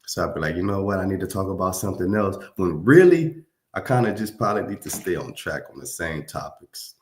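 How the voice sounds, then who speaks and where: A man's voice: low voice, expressive, brisk, roomy sound. A man from Louisiana, hosting a casual livestream, reading viewer comments and talking to them in a laid-back, slangy way. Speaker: livestream host.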